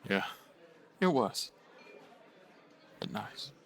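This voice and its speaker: An actor playing a guilt-ridden young man in an audio drama, speaking softly and haltingly, often trailing off to near-whispers. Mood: wistful. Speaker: [name].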